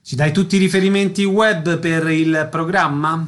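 A man's voice: a little high, steady tone, fairly bright tone. Man hosting a radio arts interview. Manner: brisk, formal announcing. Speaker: radio host.

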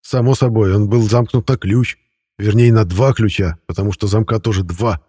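A man reads a fantasy audiobook in the first person, wry and even in his telling. His voice sits low and has a husky grain, and the sound is close and dry with no room around it. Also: normal speed, no echo. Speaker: audiobook narrator. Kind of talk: scripted first-person narration.

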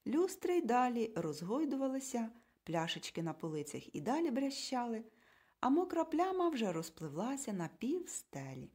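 A woman narrating a children's book in an expressive storytelling manner. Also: on the high side, normal speed, husky. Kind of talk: audiobook narration.

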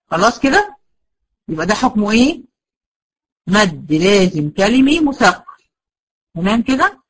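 A woman with an Egyptian Arabic accent teaching a class in Quran recitation, often asking questions and answering them herself, and drawing out key terms slowly. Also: mid-range voice, a bit bright, low-quality recording. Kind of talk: classroom lecture.

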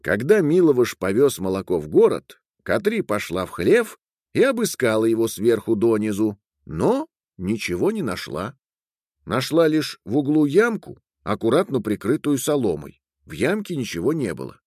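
A man narrating a folk tale in an expressive way, reading all the characters' parts himself. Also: mid-range voice, moderate pace, dry recording, clean studio sound. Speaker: storyteller.

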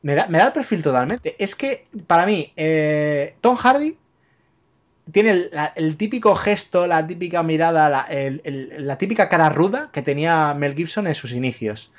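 Man, casual podcast talk, tag questions, swears a lot, fairly high voice. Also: animated, normal speed. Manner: rambling, full of fillers and tag questions; swears freely. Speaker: podcast co-host. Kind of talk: casual film chat.

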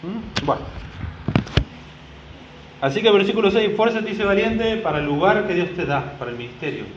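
High-voiced pastor preaching. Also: male voice, animated, moderate pace, echoey room, dull audio, background noise. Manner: conversational preaching with frequent questions to the congregation and joking asides. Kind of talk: sermon.

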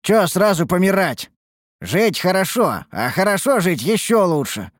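A man voicing a brash, mocking young human man in an audiobook, rough and scornful, with coarse slang. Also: high-pitched, very animated, a little slow, dry recording, studio quality, pitched above the performer's own voice. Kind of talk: audiobook character voice.

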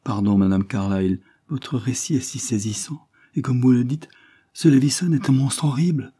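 A man's voice: medium pitch, moderate pace, mellow, breathy edge, voice pushed up, close to an everyday voice. A man reading an audiobook voices a shaken woman governess who protests in a tense, horrified voice.

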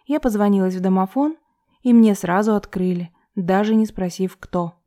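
A woman reading a first-person novel as an audiobook in a calm, even way. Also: medium pitch, moderate pace. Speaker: audiobook narrator.

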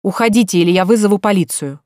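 A woman's voice: fairly low pitch, moderate pace, darkish tone, no echo, studio quality, close to an everyday voice. Brief: a woman reading as a blunt, guarded middle-aged daughter in an audiobook. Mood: suspicious. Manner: curt, demanding. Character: stout, suspicious middle-aged daughter, protective.

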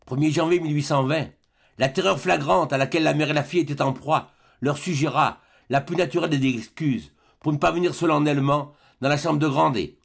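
A man narrating a classic novel as an audiobook in a measured, expressive way. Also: on the high side, gravelly.

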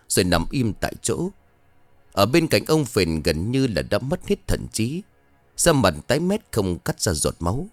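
A man with a low voice narrates a horror story, swinging his pitch widely to build dread. He sounds close and dry, with faint music underneath. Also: no echo. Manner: dramatic, building tension.

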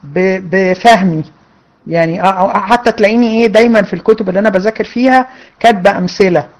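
A woman's voice: medium pitch, fast, a little mellow, low-quality recording. Egyptian woman teacher answering questions. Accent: Egyptian Arabic. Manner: reads out student questions, then answers conversationally. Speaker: religion teacher. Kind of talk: casual Q&A lesson.

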